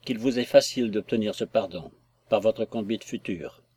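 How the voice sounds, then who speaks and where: A tender, shy young noblewoman, soft hesitant replies, dry close sound, read by a man. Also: on the low side, normal speed, breathy edge, no room sound.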